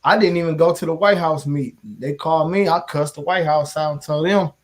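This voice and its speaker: St guy, organizer, cussing and animated, kinda higher voice. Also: brisk. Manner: animated, swearing storyteller. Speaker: community organizer. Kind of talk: casual chat.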